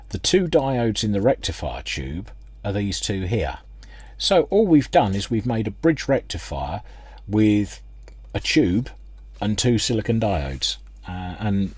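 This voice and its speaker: This husky, low-voiced British hobbyist restores radios on camera, explaining the technical side casually. The recording is dry and close at his indoor workbench, and he speaks haltingly, working things out as he goes.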